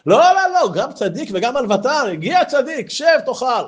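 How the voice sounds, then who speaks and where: A man voicing an excited townswoman who gushes over a guest she takes for a holy man, in a shrill, rapid voice. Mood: insistent.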